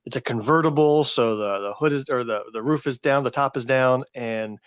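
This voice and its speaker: A man's voice: mid-range voice, moderate pace, clean tone, no echo. Middle-aged guy cohosting a podcast, rambles thru old stories, dry close sound. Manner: rambling anecdotal storyteller. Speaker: podcast co-host. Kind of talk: casual chat.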